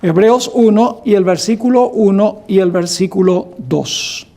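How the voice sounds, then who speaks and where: A man's voice: high-pitched, dark tone. A man preaching a Bible study, reading scripture aloud with emphasis and quizzing his congregation with questions. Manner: slow and deliberate, quizzing the congregation. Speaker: pastor.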